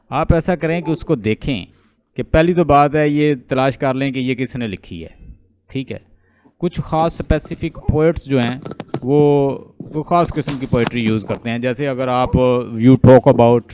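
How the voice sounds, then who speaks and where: A Pakistani man with a dark, mellow tone teaches English over an online class. He speaks at a mid pitch, stops to quiz students, and repeats words to break them into parts. His first language is Urdu, and he mixes it freely with English. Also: smooth. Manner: explanatory, asks students questions and repeats words. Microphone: online class call.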